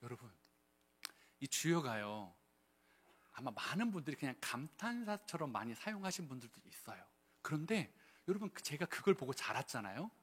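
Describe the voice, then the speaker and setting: A male pastor preaching a sermon, with lively delivery and frequent questions put to the congregation. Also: medium pitch, moderate pace, husky.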